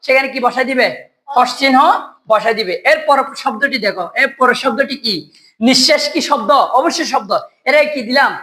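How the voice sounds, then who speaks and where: Over a low-quality recording, this Bengali grammar teacher sounds bright and forceful at a mid-range pitch. His exam-prep lesson is built on quick quizzing, where he asks students questions and supplies the answers at once.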